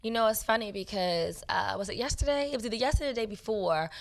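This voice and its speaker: A woman's voice: medium pitch, fast talker, vocal fry, no echo. A woman in her thirties co-hosting a casual podcast, chatting about family and work with plenty of fillers. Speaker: podcast co-host. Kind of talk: casual chat.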